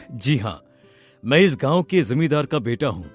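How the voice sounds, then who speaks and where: A man's voice: medium pitch, sing-song, a little slow, breathy edge, soft background music. A man voicing a charming, smitten young landlord's son in a cartoon story, polite and earnest. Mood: friendly.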